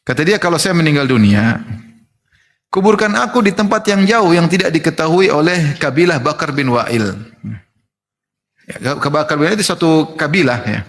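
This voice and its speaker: Preacher man in a reverberant hall. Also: a little high. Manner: lively, mimics wailing mourners in quoted asides; recites Arabic hadith slowly, then explains in Indonesian. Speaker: Islamic preacher. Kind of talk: sermon lecture.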